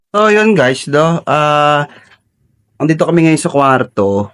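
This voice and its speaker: A man's voice: a little high, big pitch swings, slow pace, a bit bright, clean tone. Playful, teasing man with a cold. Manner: playful and teasing, laughs often. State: stuffy with a cold. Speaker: parent vlogger filming his child. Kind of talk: casual home vlog. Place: bedroom at home.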